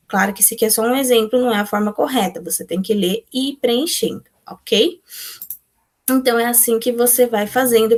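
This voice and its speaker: Brazilian woman, teacher, patient step-by-step explaining, slightly high voice. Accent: Brazilian Portuguese. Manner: patient, explains step by step, answers pupils' imagined questions. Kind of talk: remote class walkthrough of textbook exercises.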